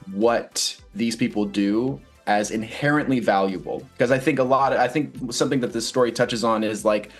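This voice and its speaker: A stage actor answers interview questions casually in a medium-pitched voice, earnest and thoughtful, often searching for his words.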